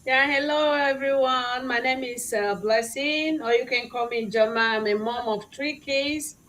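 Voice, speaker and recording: A woman introducing herself in a calm, matter-of-fact way on a casual live chat. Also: sits high, measured pace, poor audio. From Nigeria. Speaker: guest speaker.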